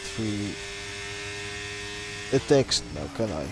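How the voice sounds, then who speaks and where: A man's voice: fairly low pitch, animated, very slow, background noise. A man casually commentating a live sim racing stream and chatting with viewers. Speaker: race commentator.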